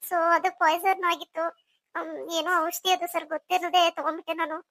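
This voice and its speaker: A woman's voice: extremely high pitch, little pitch movement, fairly quick, fairly bright tone, no room sound, studio quality. A woman voicing a meek, apologetic young wife in a cartoon story. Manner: meek, pleading.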